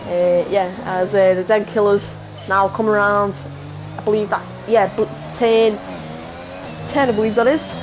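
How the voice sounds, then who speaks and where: A woman with a Liverpool accent doing live sim-racing commentary, halting with fillers and jumping up in excitement at crashes. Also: medium pitch, over music, poor audio. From Liverpool, England.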